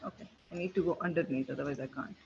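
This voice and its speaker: A man presenting a live software demo in a webinar, talking himself through each step as he clicks. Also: a little high, rapid-fire, creaky. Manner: thinking aloud while clicking through a tool. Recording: dull lo-fi webinar audio with faint hiss.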